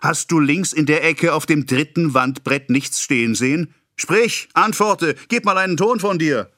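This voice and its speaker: A pompous, excitable middle-aged apothecary, put on by a male reader in an audiobook, ranting in a strained, raised voice well above the reader's own. He scolds breathlessly and with great self-importance. The sound is close and dry. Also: a little high, takes it slowly, dry recording, pitched above the performer's own voice, exaggerated voice. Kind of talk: audiobook character voice.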